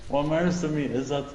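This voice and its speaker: A man chatting as co-commentator on a live stream, soft, friendly and hesitant. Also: fairly high pitch. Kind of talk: casual chat on a live stream. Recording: distant mic in an echoey room with faint background noise.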